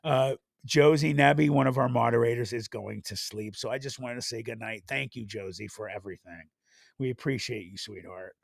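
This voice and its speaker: A man hosting a live stream, chatting casually and rambling with restarts, his voice hoarse and worn from overuse. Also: mid-range voice, a little fast, dry recording, studio quality. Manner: rambling, thinks aloud with restarts.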